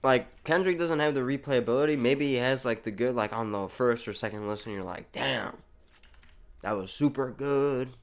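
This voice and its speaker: A young American livestreamer chats loosely during a live gameplay stream, rambling in slang and restarting often as he reads chat. He speaks at normal speed in a medium-pitched voice.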